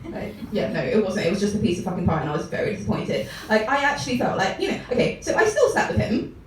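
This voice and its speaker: A woman's voice: mid-range voice, very animated, fast talker, a little hiss or hum. A young woman performing a stand-up comedy set in a comedy club, rambling with many ums and frequent giggles. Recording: echoey club room, mic heard from a distance.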